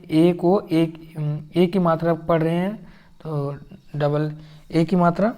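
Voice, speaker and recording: A man teaching English phonics, sounding out words slowly and repeating them. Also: on the high side, dark tone. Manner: slow, repetitive, drawn-out word sounding. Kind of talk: phonics lesson.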